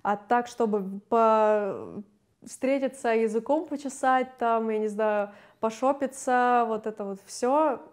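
A chatty young woman talks candidly in a relaxed interview, now and then breaking into a laugh. Her voice sits a little high for a woman. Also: takes it slowly. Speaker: singer, interview guest. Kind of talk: casual interview chat.

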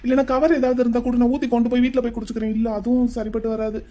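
A woman voicing a gentle, teasing young husband in a cartoon story, with a brisk manner. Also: fairly high pitch, little pitch movement, lightly acted. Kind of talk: Tamil cartoon voice acting.

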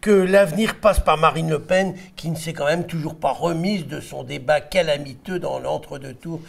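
A man's voice: fairly high pitch, moderate pace, creaky. A man interviewing a local politician, asking pointed and teasing questions. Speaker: radio interviewer.

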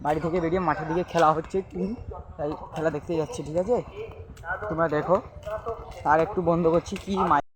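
A young man, slightly hoarse, chatting casually to viewers in a daily vlog and often asking if they are following. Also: fairly high pitch, steady tone, quick pace, long pauses, a crowd in the background. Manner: chatty, keeps asking "ঠিক আছে?". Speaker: vlogger. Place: outdoors in a village, fields and lanes. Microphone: handheld phone.

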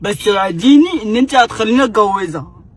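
A man's voice: high-pitched, lively intonation, quick pace. A young man with an Egyptian accent making a prank phone call, talking in a pleading, whiny, melodramatic way. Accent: Egyptian Arabic. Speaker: prank caller.

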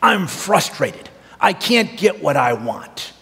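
A man's voice: a little high, very animated, slow pace, creaky, bright, forceful tone, heavily acted. A preacher doing a sulking petulant king. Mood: sulky. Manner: sulky, whiny. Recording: reverberant church sanctuary.

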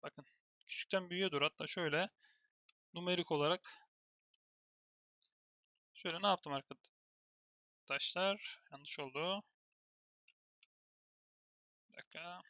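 A man's voice: sits high, unhurried, pauses often, bright, forceful tone, dry recording, lo-fi sound. A man teaching a screen-recorded terminal lesson, thinking aloud as he types and often turning to speak to his viewers as friends. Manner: thinks aloud while typing, keeps addressing viewers as "friends". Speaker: programming instructor.

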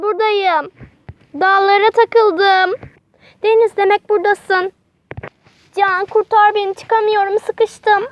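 A woman voicing small lost schoolchildren stuck in bushes in a toy doll play, pleading and crying for help. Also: very high voice. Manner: pleading, panicky cries for help. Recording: dull lo-fi home recording.

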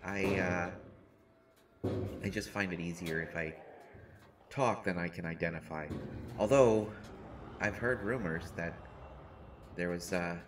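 A male audio roleplay performer voices a nervous, shy survivor in a scripted monologue, stumbling over words, restarting, and rambling with self-deprecation. The low voice comes a little slow with long pauses, and the background is noisy.

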